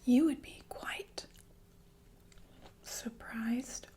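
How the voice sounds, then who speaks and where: An ASMR performer plays a sinister killer nurse who sounds falsely soothing, using a genteel, deliberate, breathy whisper with murmured asides. Her voice is a little high and warm in tone.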